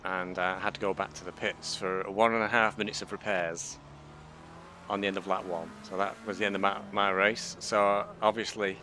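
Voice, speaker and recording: A man's voice: deep voice, little pitch movement, moderate pace, pushed and bright. A man giving casual running commentary on his own sim race as he drives. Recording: car engine noise behind.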